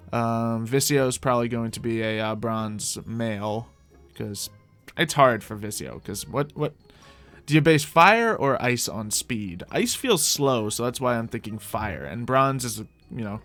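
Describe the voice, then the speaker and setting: A video host with a mid-range, slightly bright voice offers casual, rambling commentary on a Minecraft let's play. He thinks aloud as he plays, in a playful way.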